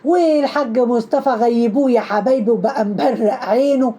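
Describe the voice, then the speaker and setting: A woman with an Egyptian accent giving casual, sarcastic gossip commentary in a mocking, animated way. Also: a little high, brisk. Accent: Egyptian Arabic.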